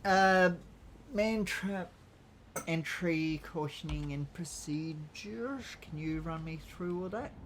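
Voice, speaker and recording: A man's voice: a little high, slow pace. A man playing a senior officer in an online roleplay, giving casual, hesitant instructions to a trainee. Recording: faintly noisy game voice chat.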